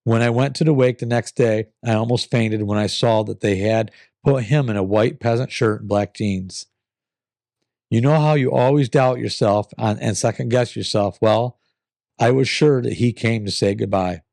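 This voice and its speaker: Raspy, gravelly man reading listener stories. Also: mid-range voice, normal speed, darkish tone, no room sound, studio quality. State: getting over an illness. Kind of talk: casual storytelling, reading letters aloud.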